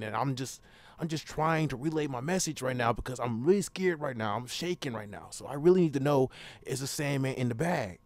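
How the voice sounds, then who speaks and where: Playing the caller in an improvised prank phone call, a young man rambles on insistently and says the same things again and again. His gravelly voice sits in the mid range, and the recording is dry.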